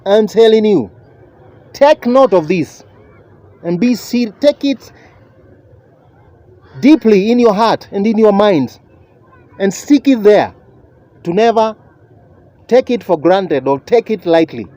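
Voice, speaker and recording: High-pitched man lecturing slowly, sermon-style. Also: expressive, dark tone. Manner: lecturing, emphatic, deliberate phrasing with repetition. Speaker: preacher.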